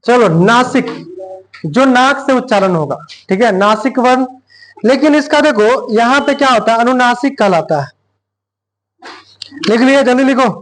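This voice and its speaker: A man, teaching grammar slowly in a classroom style, repeating phrases and answering his own questions. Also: very high-pitched, poor audio. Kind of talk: slow classroom explanation with questions to students.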